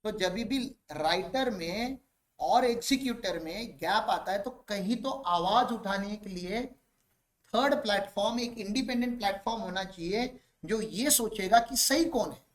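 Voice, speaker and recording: A man lectures on tax law in a fairly high voice. He switches between Hindi and English, often asks the class a question and then answers it himself. He keeps checking that his students follow along. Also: measured pace. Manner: mixes Hindi with English phrases.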